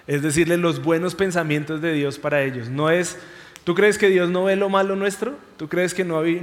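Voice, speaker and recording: Pastor guy preaching, chatty, lots of questions, long echo from the hall. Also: sits high. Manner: animated, conversational preaching with rhetorical questions. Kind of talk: sermon.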